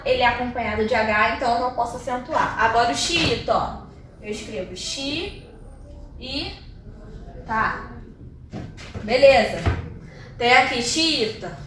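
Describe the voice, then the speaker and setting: High-voiced woman teaching in an echoey room. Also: fairly bright tone, slight background noise. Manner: explains step by step, checking in with "ok?" and "ó". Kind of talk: grammar lesson at a whiteboard. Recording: very echoey room, voice far from mic.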